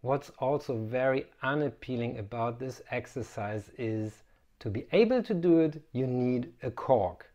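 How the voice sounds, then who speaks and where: Measured, expressive voice and articulation coach. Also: medium pitch. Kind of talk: instructional video presentation.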